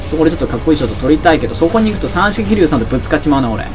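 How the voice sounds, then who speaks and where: A young man giving excitable let's-play commentary, often shouting and laughing at the action. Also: on the high side, racing, soft background music. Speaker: game commentator.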